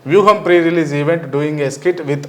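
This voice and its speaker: A man's voice: on the high side, takes it slowly, a little mellow, a little hiss or hum. A male journalist interviewing a guest in a chatty, praising way. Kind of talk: casual interview.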